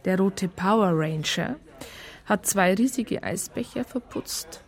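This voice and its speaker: Speaking slowly in a mid-range voice, a woman plays a police colleague narrating a case in first person for a radio crime drama. Her telling is conversational, plain and colloquial, colored by a Bavarian accent.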